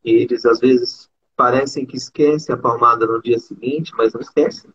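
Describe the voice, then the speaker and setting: A man's voice: mid-range voice, steady tone, normal speed, a bit bright, breathy edge. A man hosting a casual live chat about parenting, reading viewer comments aloud. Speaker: host. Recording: dull lo-fi audio.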